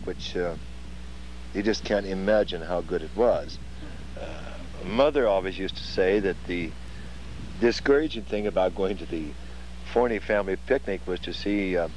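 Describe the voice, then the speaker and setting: An older man in his eighties from Iowa tells his family history in a measured, articulate way, with the odd "uh" along the way. His voice sits fairly low, with faint hiss behind it. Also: darkish tone, poor audio. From Iowa, USA. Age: 80s. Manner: articulate, measured storytelling with fillers. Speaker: interviewee. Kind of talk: oral history reminiscing.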